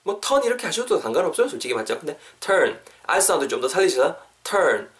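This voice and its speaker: A young man hosting a podcast English lesson, explaining phrases and then repeating them slowly for listeners to drill. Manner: lively, upbeat coaxing with sudden pitch lifts. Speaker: English teacher podcast host.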